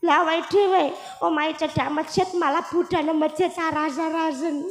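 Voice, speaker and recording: A Javanese-accented woman preacher tells a humorous story with a very high voice. She keeps it lively and animated. Her voice echoes through a large hall, with faint music underneath. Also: normal speed. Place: large hall at a live religious gathering.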